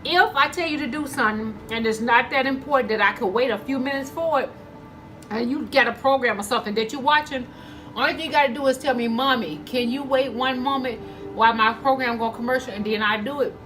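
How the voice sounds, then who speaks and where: Faint music plays behind a woman with a high, brisk, slightly bright voice on a rough recording. She's a mukbang vlogger eating and chewing between phrases, telling y'all stories conversationally and acting out lines.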